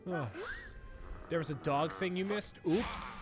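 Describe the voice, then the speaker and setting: A man's voice: fairly high pitch, a little slow. A man chatting casually on a live stream as he plays a video game, reading chat aloud and bantering with the characters on screen. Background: game music.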